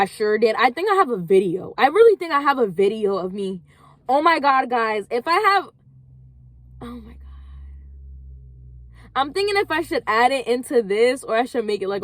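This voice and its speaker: With a medium-pitched voice and no audible room sound, a young woman chats casually in her vlog to motivate viewers. Her encouragement wanders from point to point and is packed with "like."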